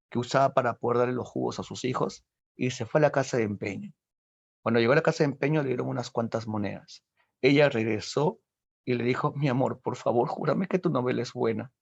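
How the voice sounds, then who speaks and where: A male literature teacher acting out a story with lively quoted voices during an exam-prep lesson. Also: medium pitch, creaky. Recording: dull lo-fi sound.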